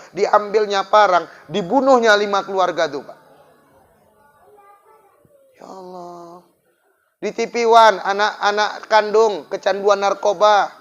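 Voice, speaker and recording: Male preacher, lively storyteller who speaks straight to the crowd, slightly high voice, lo-fi sound. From Indonesia. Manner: lively, swings from loud to hushed, addresses the crowd. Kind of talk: sermon with storytelling. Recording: dull lo-fi sound.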